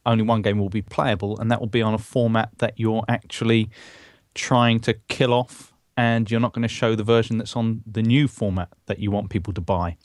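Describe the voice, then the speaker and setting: A male podcast co-host with a lowish voice, recorded dry and close. He gives thoughtful commentary with a few hedges, in a relaxed conversational way. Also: a little fast, no room sound. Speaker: podcast co-host covering games. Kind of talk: casual chat.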